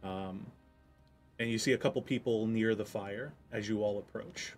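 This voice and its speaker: A man narrating a tabletop game as game master, in a relaxed way with frequent ums. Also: fairly low pitch, moderate pace, soft background music.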